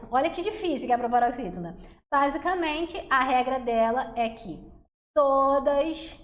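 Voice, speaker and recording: A young woman with a bright, high voice gives an energetic, chatty online grammar lesson. She talks to her viewers like friends. Her voice rings a little in an echoey room. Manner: chatty, energetic, calls viewers "meu amor" and "galerinha". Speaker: Portuguese teacher.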